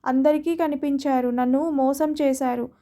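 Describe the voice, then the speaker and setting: A woman's voice: high-pitched, fairly even intonation, moderate pace, mellow, lightly acted. A woman voicing a hurt, jealous young wife who accuses her husband in a read-aloud story. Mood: accusing. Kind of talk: storybook reading.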